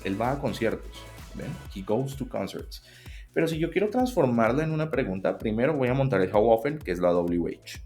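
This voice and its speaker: A man's voice: mid-range voice, a little mellow. Patient male teacher explaining grammar. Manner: patient, explains step by step with examples; reads English example sentences aloud between explanations. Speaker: English teacher. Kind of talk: recorded grammar lesson.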